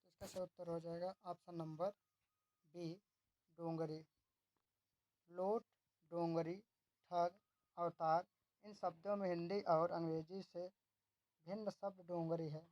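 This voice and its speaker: A woman's voice: fairly low pitch, flat delivery, unhurried, long pauses, darkish tone, no room sound, low-quality recording. A woman tutor reads exam questions and their options aloud, then gives the answer and explains why. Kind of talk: reading quiz questions and answers.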